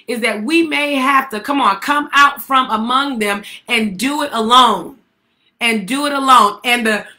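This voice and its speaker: A woman's voice: high voice, sharp tone. A woman preaching a livestreamed morning sermon, calling on listeners and repeating phrases for emphasis. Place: livestream to online viewers.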